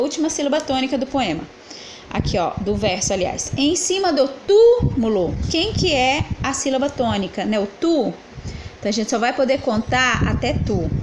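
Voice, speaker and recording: A woman's voice: on the high side, noisy background. A woman teacher correcting exercises in a lesson, asking the class questions and answering them herself as she counts syllables aloud.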